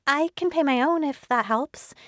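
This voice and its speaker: A woman voicing a kind young woman friend who speaks in a gentle, reassuring way. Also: sits high, moderate pace, dry recording, clean studio sound, pitched above the performer's own voice.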